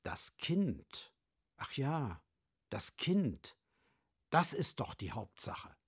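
A man's voice: high-pitched, sing-song, measured pace, fairly bright tone, husky, pitched above the performer's own voice, heavily acted. A man voicing a coarse, dim-witted ox in a storybook fable. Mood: sheepish.

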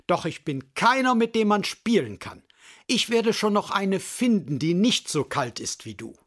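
A man voicing a proud, hot-tempered male woodpecker in a storybook tale, speaking in a gruff, wounded way. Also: sits high, sing-song, a little slow, heavily acted.

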